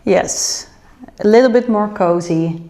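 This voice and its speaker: A woman's voice: mid-range voice, slow pace, warm tone. A young woman from the Netherlands with a Dutch accent, chatting casually in a home kitchen vlog while she cooks. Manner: chatty, rambling, self-aware. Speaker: vlogger.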